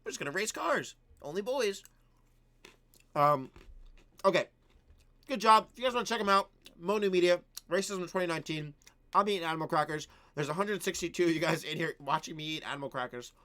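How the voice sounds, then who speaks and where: A man's voice: fairly high pitch, quick pace, bright, forceful tone. A man hosting a live stream, giving casual feedback on viewers' videos and coaching them with lots of "um" and "right?". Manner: chatty, frequent "um" and "right?", coaching tone.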